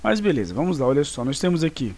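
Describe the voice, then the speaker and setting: Another recorded online class has a male teacher going through exercises in a casual, chatty manner full of fillers and frequent check-ins with students. His fairly high voice swings widely in pitch, moves at a quick pace and has a darkish tone.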